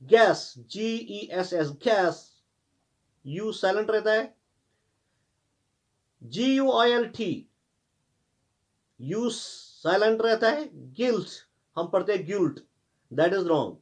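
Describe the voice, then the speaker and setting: Male teacher, high-pitched voice, spells out words slowly letter by letter in a classroom lesson. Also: lively intonation. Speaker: English teacher.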